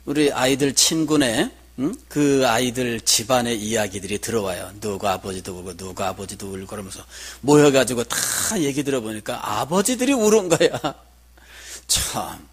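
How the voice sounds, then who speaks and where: Male pastor, middle-aged, sermon, conversational storytelling, husky, mid pitch. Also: normal speed. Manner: conversational storytelling, asks the congregation questions.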